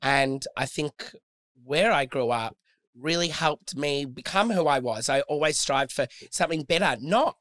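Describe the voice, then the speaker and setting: A man's voice: a little high, measured pace, fairly bright tone. An Australian man talking reflectively as a podcast guest in casual chat, telling stories with frequent restarts.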